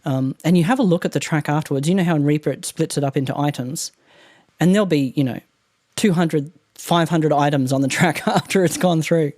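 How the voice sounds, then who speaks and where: Fairly high-pitched and a little fast, this Australian man's nasal voice has a darkish tone and comes through a condenser studio mic, clean and dry, in a mattress-treated home room. He's a chatty guest discussing podcast equipment, wandering off topic and laughing a lot.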